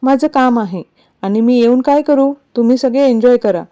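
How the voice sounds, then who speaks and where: A woman's voice: fairly high pitch, normal speed, lightly acted. A woman voicing a teasing, stubborn young husband in a narrated story. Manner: teasing, calm. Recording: dull lo-fi recording.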